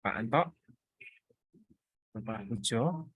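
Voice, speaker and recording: A man moderating a church video call, giving quick affirmations and passing the turn to the next person. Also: mid-range voice, animated, slightly rough, no room sound, narrow, tinny audio. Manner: brief affirmations, quick handoffs. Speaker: group facilitator. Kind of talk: casual moderating.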